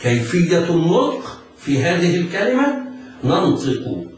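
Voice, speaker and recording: Guy explaining recitation rules slowly, chants the examples, sounds far off in a super echoey room. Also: fairly high pitch, very animated, slight background noise. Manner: patient step-by-step explaining, drawn-out chanted demonstrations. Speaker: Quran recitation teacher. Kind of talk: tajweed lesson with recited examples. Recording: very echoey, distant mic, faint music.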